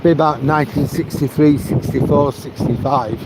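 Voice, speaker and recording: A man's voice: fairly high pitch, fairly even intonation, moderate pace. A retired older man from Manchester with a Northern English accent, chatting casually and rambling as he repeats himself. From Manchester, England. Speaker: retired local resident. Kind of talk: casual chat. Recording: loud wind and outdoor noise.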